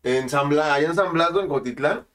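A man with a Mexican accent telling crude stories from his own life in casual chat. He talks very fast, packed with slang and constant swearing. His voice sits a little high. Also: a bit bright. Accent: Mexican Spanish.

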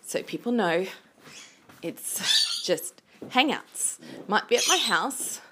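A woman's voice: mid-range voice, animated, slow. Noisy home recording, campy theatrical woman chatting away candidly, very up and down voice, rambly podcast diary. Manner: playful, candid, self-interrupting chatter. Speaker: podcast host. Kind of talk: rambling casual audio diary. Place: recorded while walking about at home.

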